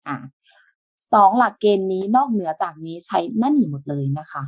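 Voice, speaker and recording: Woman teacher walking through a language lesson, patient, soft polite endings, kinda muffled dry audio. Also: medium pitch, very animated, a little fast, dry recording.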